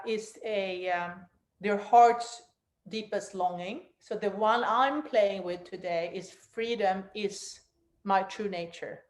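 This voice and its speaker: A woman leads a guided meditation as the teacher, recorded in a roomy, echoey space. Her pitch sits in a middle range for a woman, and her delivery is that of an instructor guiding people through relaxation. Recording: roomy, echoey room sound.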